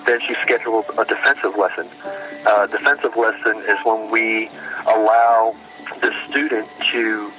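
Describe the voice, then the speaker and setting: A man's voice: lowish voice, highs cut off. A man who works as a firearms instructor, explaining things casually in a documentary interview.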